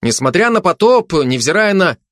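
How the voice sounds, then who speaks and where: Man playing flustered fussy worker, babbling, higher voice, storybook. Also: big pitch swings, moderate pace, fairly bright tone, no room sound, studio quality.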